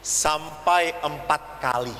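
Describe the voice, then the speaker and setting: Lively high-voiced priest in an echoing hall. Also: male voice, takes it slowly. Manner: lively storytelling, acting out quoted voices. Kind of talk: humorous homily. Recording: reverberant hall with faint ambient noise.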